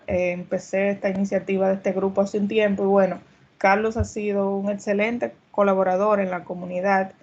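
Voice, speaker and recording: A woman's voice: medium pitch, darkish tone. A woman hosting and introducing an online community meetup, courteous and polite, often adding "verdad" as a tag. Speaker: community group organizer and host. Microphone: computer mic on a video call. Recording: dull lo-fi video call audio.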